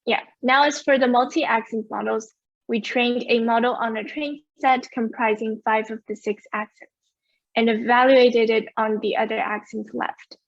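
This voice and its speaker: A woman giving an academic conference presentation over a video call, explaining results clearly. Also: a little high, no echo, highs cut off. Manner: clear, explanatory, asks for next slide.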